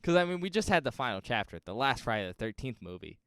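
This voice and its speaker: Smooth-voiced, teasing man on a podcast. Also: mid-range voice, very animated, fast talker, fairly bright tone, dry recording, studio quality. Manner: teasing, laid-back, laughs often. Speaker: podcast co-host. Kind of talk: casual chat.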